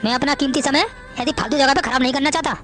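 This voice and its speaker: Bossy rich son-in-law in a family drama, rapid and high-pitched, sneering at everyone. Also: female voice, a bit bright. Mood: scornful. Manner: scornful, bossy. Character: arrogant rich male son-in-law, boastful. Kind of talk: Hindi family drama acting.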